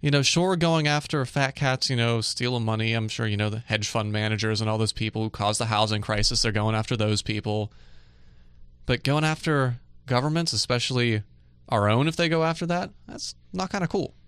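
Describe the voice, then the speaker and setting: A man hosting a casual tech news podcast, chatty and relaxed, with lots of fillers and easy laughs. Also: medium pitch, a little fast, clean tone, no room sound. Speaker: podcast host. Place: dry studio.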